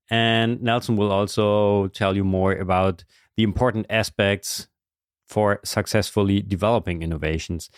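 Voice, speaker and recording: A man's voice: on the low side, no room sound. Upbeat male podcast host, dry sound. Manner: upbeat, with airline travel framing. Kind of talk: podcast interview, read intro then casual chat.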